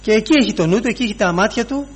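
A man preaching a sermon, pausing often, repeating phrases and inserting "he says" as he retells scripture. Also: high-pitched, animated, breathy edge.

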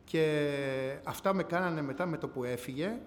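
A man giving a personal testimony to a church gathering, telling his story earnestly, often rising and falling in pitch and loudness. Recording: long hall reverb, faint background noise.

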